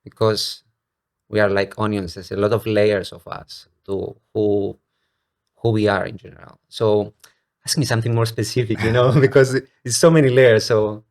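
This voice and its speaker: A slightly mellow, low-leaning voice with a steady tone comes from a podcast guest in his thirties, originally from Bulgaria and now from Cyprus. Speaking at a moderate pace from a dining-table home studio, he reflects on personal matters in an interview.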